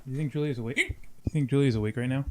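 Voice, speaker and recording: A man's voice: mid-range voice, quick pace, a crowd in the background. A young man hosting a casual late-night chat, goofy and jokey, with hiccups. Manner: jokey, goofy, laughs often. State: has hiccups. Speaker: podcast host.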